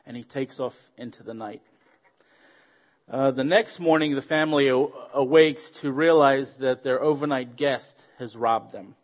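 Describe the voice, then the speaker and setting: A Zambian man serves as a guest preacher, delivering a friendly sermon full of stories and jokes, pausing on fillers as he goes. His voice is mid-range, and the recording's highs are cut off.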